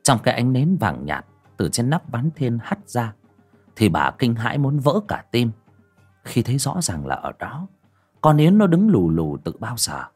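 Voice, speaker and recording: A man narrates a horror audiobook with suspense. His voice is husky and breathy. His pitch swings widely from line to line. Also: huge pitch swings, unhurried, a little mellow, faint music behind. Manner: dramatic, suspenseful storytelling.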